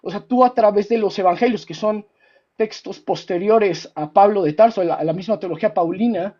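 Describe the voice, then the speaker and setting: Speaking briskly in a high-sitting voice with a dark tone and dull audio, a self-described historian with a Mexican Spanish accent argues heatedly on a call. He keeps interrupting and repeating himself. His condescension shows in the way he calls the other side "mi estimado," meaning "my friend."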